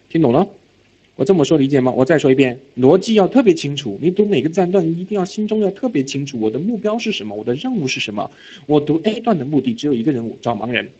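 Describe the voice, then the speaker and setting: Man, exam reading teacher, animated lecture, frequent check-ins with students, mixes in English terms, somewhat dull lo-fi audio. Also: on the high side, breathy edge. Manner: mixes English words into speech. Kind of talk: recorded classroom lecture.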